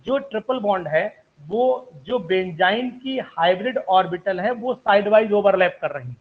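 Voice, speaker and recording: A man's voice: high-pitched, expressive, unhurried, narrow, tinny audio. A man teaching an online chemistry class, politely asking students questions and calling them sir.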